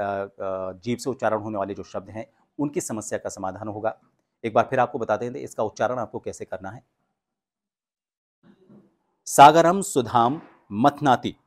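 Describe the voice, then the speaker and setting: A man giving a pronunciation lesson, explaining patiently and reading practice sentences slowly and with emphasis. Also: lowish voice. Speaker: speech coach.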